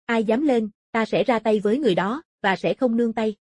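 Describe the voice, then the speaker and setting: A woman voicing a calm, defiant young male martial-arts prodigy in an audiobook, unyielding in manner. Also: a little high, a little fast, no room sound, natural voice. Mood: calm warning. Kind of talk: audiobook character dialogue.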